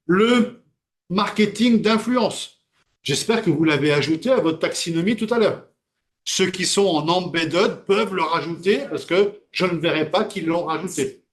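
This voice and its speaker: A man giving a classroom lecture, talking conversationally, asking the class questions and pausing on fillers. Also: high voice.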